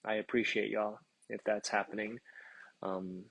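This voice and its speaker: A man's voice: lowish voice, little pitch movement, unhurried, vocal fry, a bit bright, husky, low-quality recording. A man, an actor, chatting casually and rambling on a phone livestream while promoting his film. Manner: rambling, self-aware filler talk; upbeat and chatty with guest.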